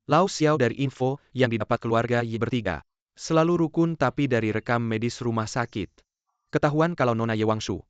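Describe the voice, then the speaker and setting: Man dubbing a dutiful assistant, smooth voice, matter-of-fact, dry muffled dub. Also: medium pitch, fairly quick, dry recording, natural voice. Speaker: dub actor. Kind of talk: dubbed short drama.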